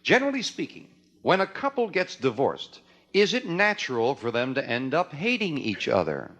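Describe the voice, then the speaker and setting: A man's voice: fairly high pitch, wildly swooping pitch, normal speed. A man working as a game show host, announcing questions and results with emphatic, suspenseful showmanship. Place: TV game show studio with audience. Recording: noisy TV studio with loud audience. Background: loud studio audience.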